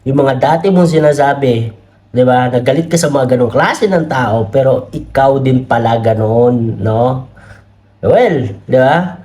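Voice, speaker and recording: A man's voice: medium pitch, a little slow, mellow. A man with a Filipino accent giving casual political commentary, chatty and laughing often, reading comments aloud. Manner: chatty, laughs often, many tag questions; reads comments aloud from screen. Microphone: camera mic.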